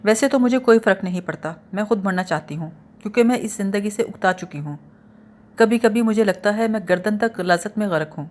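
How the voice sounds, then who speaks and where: A woman's voice: medium pitch, natural voice. A woman voicing a weary young woman sick of her life, speaking in a sad, confiding way.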